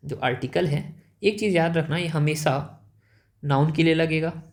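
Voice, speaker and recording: A young man teaching an exam-prep grammar lesson, explaining step by step and asking quick check questions. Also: fairly high pitch.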